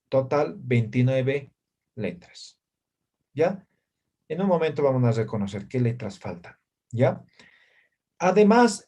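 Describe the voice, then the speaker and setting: Hombre profesor que pregunta "¿no?" sin parar. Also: male voice, medium pitch, a little mellow. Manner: keeps checking in with tag questions. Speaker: language teacher. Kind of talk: classroom lecture.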